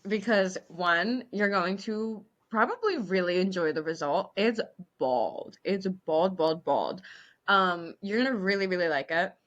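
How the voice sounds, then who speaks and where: A woman's voice: lowish voice, measured pace, lo-fi sound. A woman co-hosting a podcast who works as a waxer, chatting casually and telling stories candidly between frequent giggles. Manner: giggly, candid, animated storytelling. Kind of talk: casual chat.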